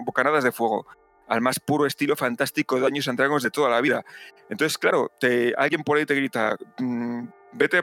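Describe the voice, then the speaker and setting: A man tells a game story in a casual podcast. His voice is bright and forceful, and he keeps acting out little asides. Faint music runs underneath. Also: mid-range voice. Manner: animated storytelling with acted asides. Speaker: podcast host. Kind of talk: casual chat.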